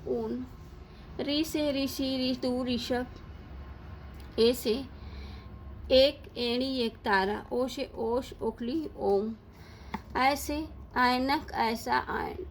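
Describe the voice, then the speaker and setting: A woman teaching a lesson, asking questions and answering them herself in a slow, deliberate way. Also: high-pitched, fairly even intonation, a little hiss or hum. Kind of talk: Hindi grammar lesson.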